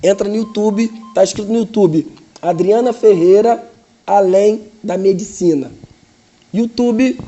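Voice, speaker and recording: A man's voice: sits high, a little slow, warm tone, muffled recording, soft background music. A man, an evangelist telling his testimony dramatically and acting out the other people in it. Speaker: evangelist, podcast guest. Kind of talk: animated testimony storytelling.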